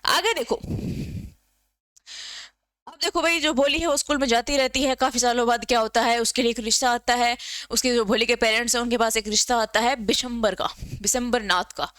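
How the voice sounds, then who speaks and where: A woman's voice: a little high, steady tone, fairly bright tone, no room sound. Woman teacher explaining a lesson. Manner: reads English lines slowly, then explains in Hindi.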